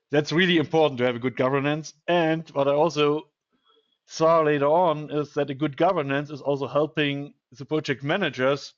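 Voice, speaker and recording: A man, a guest speaker answering interview questions in a steady, explanatory way. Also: on the high side. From Germany. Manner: steady, explanatory, with small restarts. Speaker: guest speaker, project management director. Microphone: video call. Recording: dull, lo-fi video call audio.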